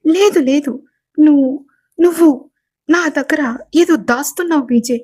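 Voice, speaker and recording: A woman's voice: fairly high pitch, animated, unhurried, slightly rough. A woman voicing a frightened, pregnant young wife who stammers and sobs as she pleads with her husband. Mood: panicked pleading. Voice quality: sobbing, stammering speech.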